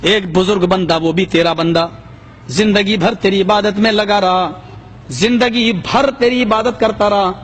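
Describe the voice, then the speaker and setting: A man preaching a sermon, telling a story with dramatic rises in his voice. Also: steady tone. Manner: dramatic, rising pitch for quoted voices.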